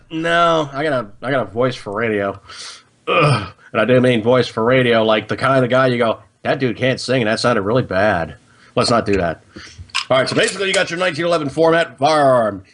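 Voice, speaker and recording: Mid-range and fairly bright, the American man's voice carries his casual, unscripted hobby gun and gadget show. He walks viewers through things in a chatty, folksy, slangy way and keeps checking in as he goes.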